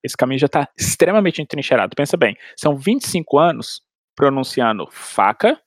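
A man's voice: medium pitch, very animated, fairly quick, dry recording, studio quality. A man, explaining language learning in casual chat with everyday analogies and frequent restarts. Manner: explains with everyday analogies and acted-out inner dialogue. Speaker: language expert guest.

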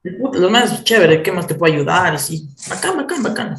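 The guest's voice sits high, with lively intonation, a fairly quick pace, and a somewhat bright quality. He speaks Spanish with an Ecuadorian accent, laughing as he tells stories in an informal chat recorded with a roomy echo.

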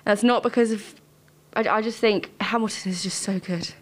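A young woman from England co-hosting a podcast, talking in a chatty, animated way with lots of fillers. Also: mid-range voice, normal speed, slight background noise. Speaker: podcast co-host. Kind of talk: casual podcast chat.

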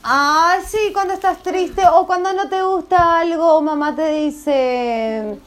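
Woman teacher, high voice, unhurried, plays out every sound for the kids. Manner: playful, theatrical, acts out sounds for children. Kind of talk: classroom voice exercise with children.

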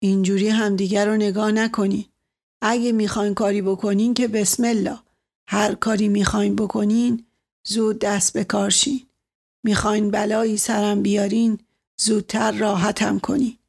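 A woman's voice: mid-range voice, level tone, gravelly. A woman reading the lines of a bitter, irritable older colonel, father of grown daughters, in a curt, sour way in an audiobook. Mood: low, bitter. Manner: curt, sour, spoken quietly. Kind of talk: audiobook character voice.

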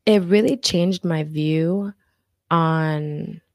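A woman's voice: low-pitched, drawn-out words, a little mellow, dry recording, studio quality. A woman life coach telling her story in an earnest, conversational interview. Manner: earnest, faith-centered storytelling.

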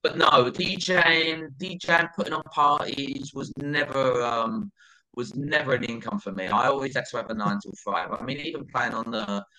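A man's voice: medium pitch, moderate pace, pushed and bright, low-quality recording. A middle-aged man with an Essex accent, chatting casually as an interview guest, rambling and repeating his phrases as he goes. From Essex, England.

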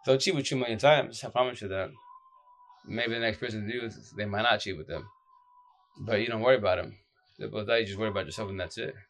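A man with a deep, groggy, exhausted voice giving casual, blunt relationship advice off the cuff in slangy, repetitive phrases. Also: fast, fairly bright tone, slight background noise. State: exhausted, short of sleep. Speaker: social media advice streamer.

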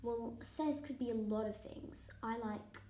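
A chatty young woman talks through her guesses out loud and now and then slips into a whisper. Her voice sits a little high with a mellow tone, and an echoey room surrounds it. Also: unhurried. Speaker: student. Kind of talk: casual vlog, quizzing herself on vocabulary.

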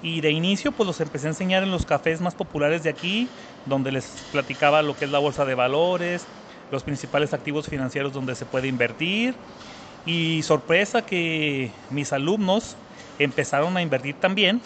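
A man's voice: on the high side, normal speed, fairly bright tone, a little hiss or hum. Earnest Mexican man in his thirties. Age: 30s. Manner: earnest, repeats words for emphasis. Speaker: guest entrepreneur. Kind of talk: interview answers.

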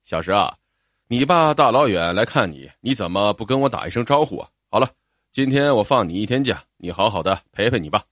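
A hearty, friendly middle-aged boss, as a male storyteller puts him on. The voice sits lower and a little louder than the narration, with a mild chiding tone. It is recorded dry, close to the mic. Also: expressive, brisk, no room sound.

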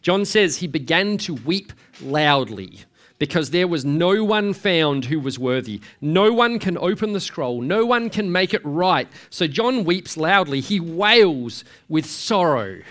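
A man delivering a sermon in a chatty, searching way, with his voice sitting a bit higher than most men's. He keeps asking the listeners questions and trips over his words as he restarts. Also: big pitch swings, unhurried, fairly bright tone. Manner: conversational, with frequent restarts and rhetorical questions. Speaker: pastor.

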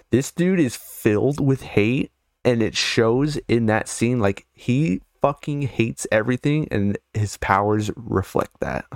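Low-voiced young man saying "bro". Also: dry recording, clean studio sound. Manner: relaxed, slangy, says "bro" and "dude" often. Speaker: podcast co-host. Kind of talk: casual chat.

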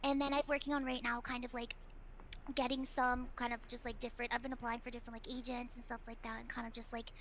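A woman's voice: on the high side, flat delivery, fast, a bit bright, a little hiss or hum. A young woman guest who grew up in the American Midwest, chatting casually and rambling with lots of filler words. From Midwest United States. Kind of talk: casual chat.

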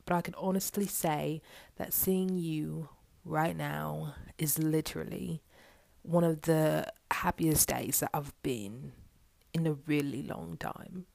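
Woman doing a worn-down young waitress, low creaky voice, rambling and earnest. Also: fairly even intonation, slow pace, a little mellow, no room sound, heavily acted. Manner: earnest, rambling, swears when annoyed.

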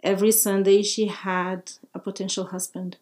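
A woman's voice: mid-range voice, little pitch movement, moderate pace, darkish tone. A woman from Brazil, speaking as a podcast guest in friendly, simple phrasing with frequent laughs. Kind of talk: casual interview talk.

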